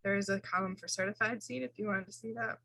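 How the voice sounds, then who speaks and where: A woman's voice: mid-range voice, fairly even intonation, quick pace, vocal fry, sharp tone, no echo, low-quality recording. A woman instructor giving an informal recorded lecture, walking through slides in a casual way with fillers and self-corrections.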